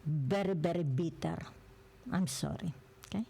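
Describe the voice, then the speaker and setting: Gravelly older tarot reader. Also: female voice, fairly low pitch, a little slow, mellow. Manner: peppers every phrase with questioning tag words. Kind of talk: tarot reading in mixed Tagalog and English.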